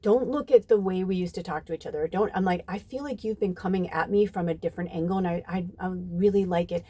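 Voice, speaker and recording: A woman's voice: lowish voice, fast, dark tone, slightly rough. A woman in her fifties, a psychic medium giving a casual spiritual reading, chatty and swearing freely. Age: 50s. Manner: chatty, swearing freely, reads passages aloud.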